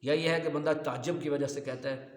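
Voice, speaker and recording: A man's voice: fairly high pitch, fairly even intonation. A man giving a sermon as an Islamic preacher, in a rhetorical manner, often asking his listeners whether they follow. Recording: echoey hall reverb.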